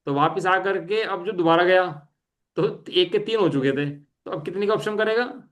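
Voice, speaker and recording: A middle-aged man teaching a study class, reading definitions slowly and asking students to check their understanding. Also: high voice.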